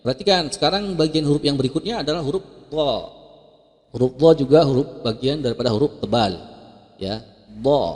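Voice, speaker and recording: A man's voice: medium pitch, darkish tone, long reverb tail. A man teaching Quran recitation, explaining patiently and leading melodic chanted syllable drills.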